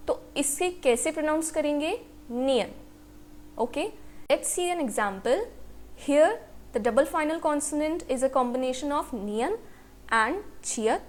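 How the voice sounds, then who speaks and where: A woman teaches a language lesson in a high voice. She speaks very slowly and carefully, repeating each example word. She pauses often to check in with a quick "okay?". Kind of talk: language lesson, mixing Hindi and English.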